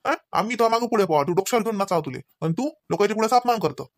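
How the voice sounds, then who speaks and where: A man's voice: sits high, lively intonation. A man voicing a scolding cartoon husband. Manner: nagging, lecturing, rapid scolding. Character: scolding husband Ravi, grown man, short-tempered. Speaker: voice actor. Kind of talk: cartoon voice acting.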